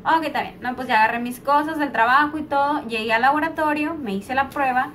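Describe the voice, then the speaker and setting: A woman's voice: sits high, brisk, fairly bright tone, slight background noise. A young woman with a Mexican accent tells a rambling, chatty story-time vlog, full of fillers, recorded on a slightly distant mic. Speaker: vlogger. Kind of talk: casual story-time monologue.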